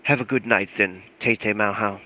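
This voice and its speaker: A man voicing a woman who calmly says good night, in much his own low voice. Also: normal speed, low-quality recording.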